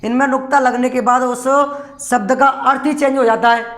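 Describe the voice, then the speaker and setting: A man with a fairly high voice teaches a classroom lecture, walking through each point step by step. He keeps asking his listeners questions before answering them himself. The sound carries a noticeable room echo. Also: steady tone, moderate pace, fairly bright tone. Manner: explains step by step with rhetorical questions.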